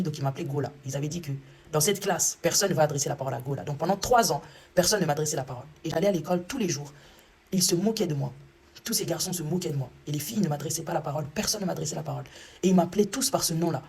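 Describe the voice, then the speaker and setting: A woman's voice: low voice, darkish tone, husky. A young woman, giving a personal faith testimony in an earnest storytelling way. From Congo.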